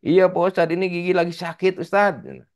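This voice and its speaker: A man's voice: sits high, a little fast, pitched above the performer's own voice, close to an everyday voice. A man voicing a young man with a toothache, complaining and exasperated in a raised voice.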